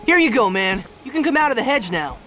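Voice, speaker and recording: A man voicing an earnest, excitable young boy hero in a cartoon. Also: extremely high pitch, fast talker, music in the background. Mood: eager. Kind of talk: cartoon voice acting.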